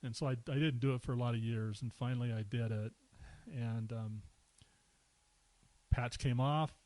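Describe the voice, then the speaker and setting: Middle-aged male guest, casual storyteller, average pitch, lively anecdotes. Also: moderate pace, low-quality recording. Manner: relaxed anecdotes with chuckles and acted-out quotes. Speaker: podcast guest.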